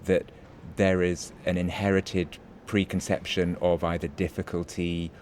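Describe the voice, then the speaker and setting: A man's voice: low-pitched, level tone, measured pace, darkish tone. A man interviewing a guest, asking thoughtful, probing questions. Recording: faint background noise.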